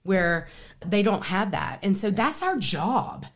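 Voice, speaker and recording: A woman on a faith-based radio program, talking casually and excitedly about her ministry with plenty of fillers. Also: mid-range voice, slow. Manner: excited and animated, lots of fillers. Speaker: ministry guest. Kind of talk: casual interview conversation.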